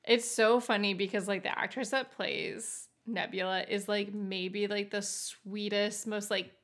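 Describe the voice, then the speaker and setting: A woman's voice: medium pitch, fairly even intonation, measured pace, fairly bright tone. A woman co-hosting a casual movie podcast, chatty and opinionated, with lots of filler words. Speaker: podcast co-host.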